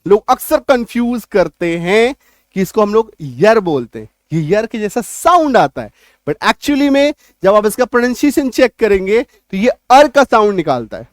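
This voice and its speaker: A man teaching an English spelling lesson, explaining step by step, spelling words out slowly and loudly, and often asking whether the class is following. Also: sits high, very animated, no echo, clean studio sound. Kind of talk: spoken language lesson.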